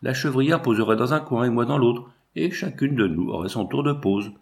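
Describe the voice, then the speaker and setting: A man's voice: medium pitch, expressive, normal speed, creaky. A man reading the lines of a haughty, proud young woman in a storybook, with a dry, curt, ironic delivery.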